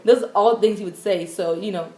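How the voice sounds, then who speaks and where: A woman's voice: medium pitch, brisk, mellow. A woman guest in a casual chat who speaks bluntly and says exactly what she means. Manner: blunt, straightforward. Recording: echoey room.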